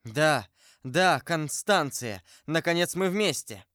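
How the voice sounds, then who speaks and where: A man's voice: fairly high pitch, expressive, takes it slowly, no echo, studio quality, pitched above the performer's own voice. A man doing a frantic young musketeer. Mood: tender. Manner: loud, urgent outcries. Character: young male musketeer, passionate and impulsive.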